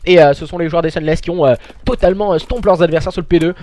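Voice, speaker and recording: A man commentating a live esports match with excitable play-by-play like a game tournament announcer, hesitating between bursts. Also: fairly high pitch, fast, no room sound. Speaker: esports caster and streamer.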